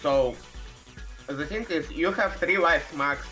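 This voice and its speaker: A man giving casual live commentary on a game replay, explaining slowly and hesitantly with many fillers. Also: fairly high pitch, sharp tone. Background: game music.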